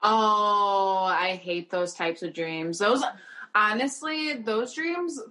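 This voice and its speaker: A woman co-hosting a podcast, chatting casually, agreeing quickly and laughing easily. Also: medium pitch, expressive, pushed and bright. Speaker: podcast co-host. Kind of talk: casual chat.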